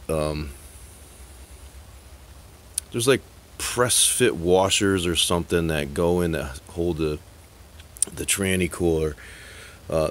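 A middle-aged man from Connecticut filming a casual, rambling vlog outdoors on a handheld phone, joking and sarcastic as he jumps from topic to topic. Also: extremely low pitch. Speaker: YouTube vlogger and truck tinkerer. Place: outdoor gravel yard. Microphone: handheld phone camera, speaker off-screen.

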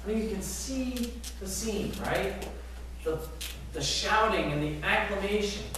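High-voiced man preaching in echoing sanctuary. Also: a little slow, slight background noise. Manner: animated preaching with rhetorical questions and arm gestures. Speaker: pastor. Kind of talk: sermon. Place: large church sanctuary, indoors. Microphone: far camera at back of church. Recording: very echoey sanctuary from far off.

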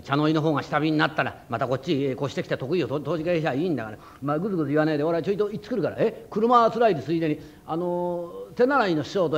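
A proud, hot-headed tofu shop owner who barks and blusters in rough old-town speech, as a man acts him out in rakugo. His voice sits fairly high and carries force. The old recording is dull and muffled. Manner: loud, rough, hot-tempered Edo-style talk. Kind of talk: rakugo storytelling.

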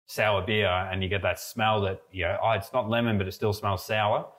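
Tasting a homebrew on a podcast he co-hosts, a young mead brewer chats casually from an indoor brewery room full of steel tanks. His fairly low voice moves at a normal speed, and he rambles in a relaxed way, often restarting and using fillers.

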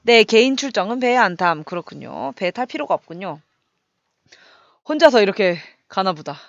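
A young woman casually commenting on her gameplay, chatty and excitable, making little sound effects as she fights. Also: mid-range voice, moderate pace, dry recording, lo-fi sound. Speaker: game streamer.

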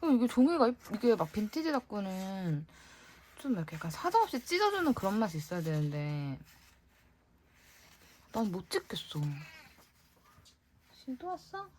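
A chatty young woman muses aloud as she works on a diary, her pitch rising and falling freely. She drifts between easy storytelling and quiet whispered asides. A faint background hiss sits under her voice. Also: sing-song, normal speed, pauses often. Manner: chatty, musing aloud, soft whispers to herself. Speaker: vlogger. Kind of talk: casual chat while decorating a diary.

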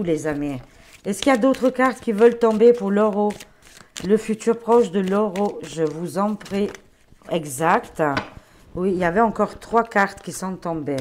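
Calling her viewers friends, a woman reads tarot for them in a chatty, exclamatory, casual way. She speaks in a mid-range voice over a bit of background noise.

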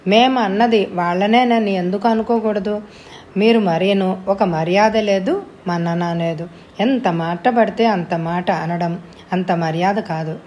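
A woman's voice: mid-range voice, unhurried, darkish tone, slight background noise, close to an everyday voice. A woman reading a storybook, voicing a courteous young woman who speaks earnestly and politely. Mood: indignant. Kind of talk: audiobook character voice.

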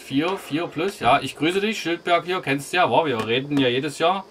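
Higher-pitched man amid heavy noise. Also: moderate pace. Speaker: CB radio station operator. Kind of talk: casual CB radio chat. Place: small caravan on a hill, indoors. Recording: very noisy, clicks, radio sounds.

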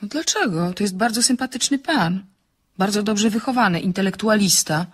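A woman's voice: mid-range voice, expressive, normal speed, husky. An actress playing a dry, ironic woman architect in a radio drama, trading quips on the phone. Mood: wry. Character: wry, sharp-tongued woman architect.

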